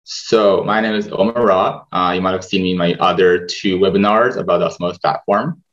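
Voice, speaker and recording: Low-voiced man hosting a webinar. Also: fairly quick. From Israel. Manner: relaxed, hesitant with many fillers. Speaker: webinar host, medical student. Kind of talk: presenting a webinar over slides. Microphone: video call webcam. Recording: dull video-call audio.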